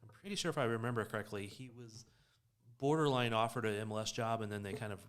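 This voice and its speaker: A man co-hosts a soccer podcast recorded in person in a shared room, talking fast in a fairly low, clean, fairly bright voice. In casual discussion, he explains his points with emphasis.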